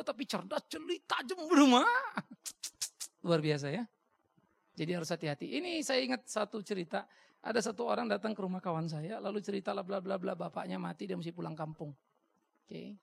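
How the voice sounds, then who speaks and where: A blunt male pastor answering a question from the congregation in an animated sermon, jumping high when he quotes others. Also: vocal fry, husky.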